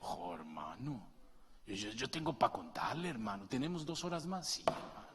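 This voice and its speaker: A middle-aged man preaching a sermon, moving between quiet asides and loud, passionate peaks as he calls his listeners brother. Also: medium pitch, very animated, moderate pace, noisy background. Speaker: pastor. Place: church hall. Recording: long reverb of a large hall.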